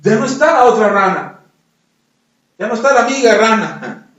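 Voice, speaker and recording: A man's voice: sits high, animated, normal speed, fairly bright tone. A man preaching a sermon and telling a fable, repeating phrases with emphasis. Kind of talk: sermon with storytelling. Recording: roomy echo, distant, dull lo-fi.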